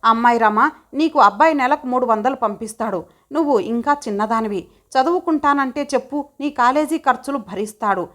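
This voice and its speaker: A woman's voice: fairly high pitch, fairly quick, fairly bright tone, natural voice. Woman reader doing a stern elderly household head, scolding and curt, for an audio story. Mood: commanding. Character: stern older husband and father-in-law, commanding.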